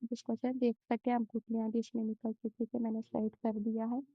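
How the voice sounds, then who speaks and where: A young woman hosting a home cooking channel, walking through a recipe step by step in a slow, gentle way with many hesitations. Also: fairly high pitch, monotone, breathy edge, no echo, phone-quality sound.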